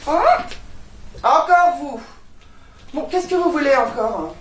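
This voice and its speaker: A woman's voice: high-pitched, animated, slow. An actress playing an exasperated, sarcastic young woman, heard on a stage. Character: exasperated young woman, sharp-tongued and ironic. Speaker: new tenant. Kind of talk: stage comedy acting. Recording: echoey stage sound from far off.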